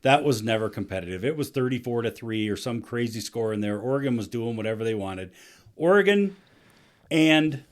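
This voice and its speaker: A man's voice: mid-range voice, expressive, a little fast. Blunt male sports podcast co-host. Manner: blunt, opinionated. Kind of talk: casual sports chat.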